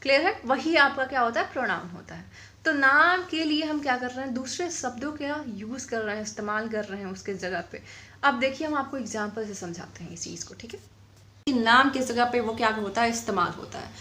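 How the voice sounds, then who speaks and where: A woman's voice: on the high side, expressive, pushed and bright, roomy sound. A woman teaching an English grammar lesson, explaining patiently and often checking whether her students have understood. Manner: explains patiently, asks frequent check questions; dictates definitions slowly. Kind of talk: classroom-style grammar lesson.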